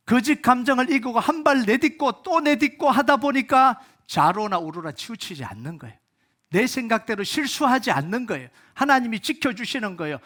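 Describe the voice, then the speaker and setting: A male pastor preaching a sermon, urging loudly at times and dropping to soft near-whispers, full of rhetorical questions. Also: sits high. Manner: rhetorical questions, acts out inner voices.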